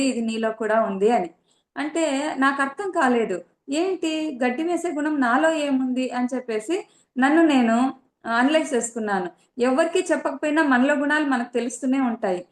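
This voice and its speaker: A middle-aged woman, a meditation teacher, giving an earnest, reflective spiritual talk about her own experiences, pausing often. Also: sits high. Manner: earnest, reflective, with frequent pauses and fillers. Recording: echoey room.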